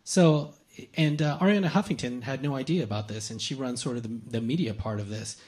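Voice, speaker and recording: A man's voice: medium pitch, brisk, a little mellow. A man co-hosting a casual tech news chat, explaining gadgets with lots of fillers and restarts.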